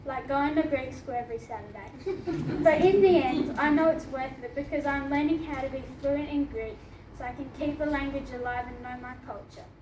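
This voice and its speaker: At a book launch in an echoey hall, a teenage girl from Australia shares her personal essay in a high, slightly mellow voice, keeping a normal speed with few pauses. Earnest but breaking into laughter at times, the student is picked up from far away amid noise.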